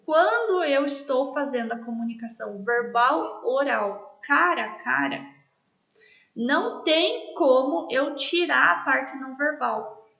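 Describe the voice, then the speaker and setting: A woman's voice: sits high, gravelly, a bit bright, roomy sound. A woman teacher with a Brazilian accent from Paraná, giving a recorded class lecture in an explanatory way and often ending with "né?". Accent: Brazilian Portuguese, Paraná. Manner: explanatory, frequent tag questions "né?".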